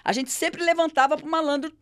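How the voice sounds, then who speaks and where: A middle-aged Brazilian Portuguese woman telling stories in an interview, animated and acting out the voices of the people she quotes. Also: high voice, a little fast, dry recording, clean studio sound. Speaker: interview guest. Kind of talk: storytelling in an interview.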